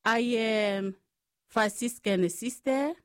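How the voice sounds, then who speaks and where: Slow-speaking Congolese-born woman. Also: a little high, clear, resonant tone, no echo, clean studio sound. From Democratic Republic of the Congo. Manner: slow, careful storytelling. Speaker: guest, Franciscan sister. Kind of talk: radio interview.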